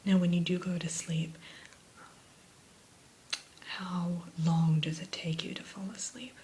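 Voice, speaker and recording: Woman, whispered role-play, low voice, attentive spa receptionist manner, gentle client consultation, faint background hiss. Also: little pitch movement, slow pace. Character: soothing, attentive female spa sleep consultant. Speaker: ASMR performer playing a spa sleep consultant.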